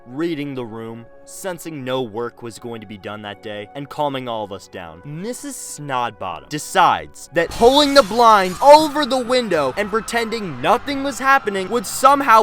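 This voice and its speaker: Animated sarcastic young man telling a story. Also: high voice, moderate pace, few pauses, faint music behind. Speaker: storytime YouTuber. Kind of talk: comedic storytime narration.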